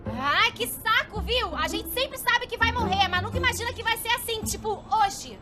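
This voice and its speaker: A woman's voice: very high voice, animated, normal speed, over loud music. A woman with a Brazilian accent playing a sarcastic, panicky young woman in a comedic sketch, slangy and whiny. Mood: pleading, resigned. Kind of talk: comedic spiritual sketch acting.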